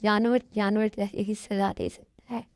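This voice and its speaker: A woman's voice: medium pitch, level tone, normal speed, a little mellow, no echo, clean studio sound, natural voice. A woman dubbing the part of a cold, threatening young mafia man who gives curt commands. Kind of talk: fan Hindi dub of a love story.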